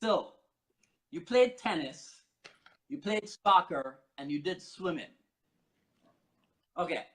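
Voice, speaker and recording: A man from Barbados with a notably high-pitched voice hosts the conversation. He is playful and teasing, reading notes aloud and poking fun at his guest. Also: lively intonation, slow, long pauses, low-quality recording. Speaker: podcast host. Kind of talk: casual interview questioning.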